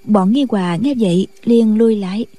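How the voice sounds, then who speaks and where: A woman narrating a martial-arts novel in a steady storytelling voice. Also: mid-range voice, moderate pace, dry recording. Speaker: audiobook narrator.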